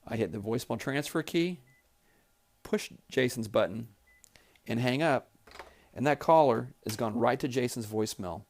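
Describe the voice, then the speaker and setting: A man with a mid-range voice works as a trainer demonstrating office equipment, leading a plain-spoken, step-by-step instructional tutorial.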